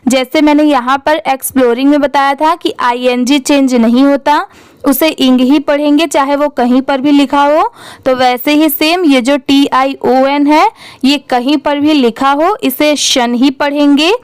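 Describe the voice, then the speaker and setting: A woman's voice: sits high, steady tone, a little slow, dry recording. A young woman teaching reading, spelling words out letter by letter and answering her own questions.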